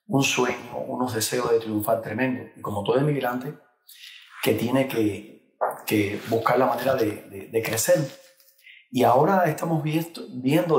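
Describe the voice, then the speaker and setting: A middle-aged man with a Cuban accent tells his story in a relaxed interview. He hesitates often and restarts his phrases. The office around him adds a noticeable echo. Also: mid-range voice. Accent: Cuban Spanish. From Cuba. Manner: hesitant, with many fillers and restarts. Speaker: guest, insurance trainer. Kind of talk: interview conversation.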